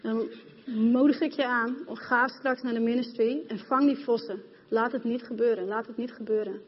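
Brief: female preacher, fairly high voice, passionate and direct with the congregation, long hall reverb, dull recording. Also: steady tone, moderate pace, breathy edge. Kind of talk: sermon. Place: church hall.

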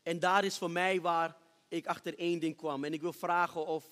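A man preaching a sermon testimony on a church stage, moving from hushed storytelling to loud, shouted praise. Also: a little high, little pitch movement, normal speed. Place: church stage with reverberant hall. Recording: long hall reverb.

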